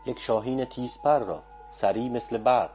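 A man voicing a cryptic, insistent old male teacher in an audiobook, speaking in a low, measured, probing way. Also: mellow, natural voice. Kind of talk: audiobook dialogue. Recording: faint background music.

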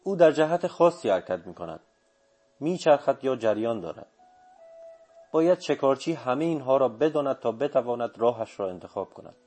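A man's voice: medium pitch, animated, dark tone, breathy edge, soft background music. A man reading a stern, commanding old sorcerer. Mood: explaining. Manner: commanding, terse instructions. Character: older male sorcerer, calm, stern and commanding. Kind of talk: audiobook character reading.

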